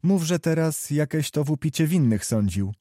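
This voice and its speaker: Male reader doing a principled young noblewoman, raised pitch, firm and scolding, mellow dry read. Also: lively intonation, normal speed, no echo, close to an everyday voice. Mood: earnest. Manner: reproachful, earnest pleading. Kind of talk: audiobook character reading.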